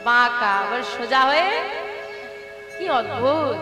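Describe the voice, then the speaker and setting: A woman's voice: fairly high pitch, a little slow, reverberant. A woman leading a devotional kirtan, telling the story in a playful, teasing way between sung refrains. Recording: live stage mic with music and crowd. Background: tabla and instruments, audience.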